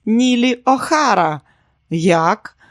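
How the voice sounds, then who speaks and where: A man reading an audiobook voices an impulsive young female dancer in a high-strung, gushing way. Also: normal speed, a little mellow, no echo, clean studio sound, close to an everyday voice. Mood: eager. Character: impulsive excitable young woman, a chorus dancer.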